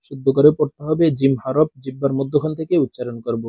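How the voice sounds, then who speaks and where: A man teaching Quran reading in a recorded video lesson. He recites letters in a slow, drawn-out, melodic way with careful pronunciation and speaks directly to his viewers. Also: medium pitch, steady tone, warm tone, slightly rough, dry recording, clean studio sound. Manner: instructive, addresses viewers directly.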